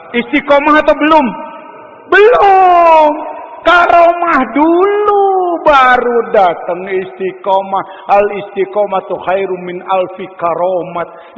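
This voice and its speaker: Older male preacher, high voice, teasing, swings loud to soft, long hall echo. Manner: wide swings from loud exclamations to low murmurs, teasing the audience. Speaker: Islamic preacher. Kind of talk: sermon.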